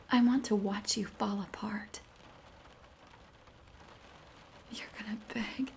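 A woman's voice: medium pitch, slight background noise. Woman acting a ASMR role-play temptress, right in your ear. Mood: coaxing, commanding. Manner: intimate soft-spoken right in your ear; slow, coaxing, breathy delivery. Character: seductive, teasing, dominant female neighbor.

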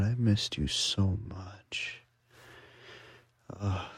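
A man murmurs in a breathy half-whisper, gentle and affectionate, as if lulling someone to sleep. His low voice is gravelly and husky, and he drawls each word very slowly on an almost flat pitch. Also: no echo. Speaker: boyfriend roleplay ASMR performer. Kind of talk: ASMR roleplay, soft and soothing.

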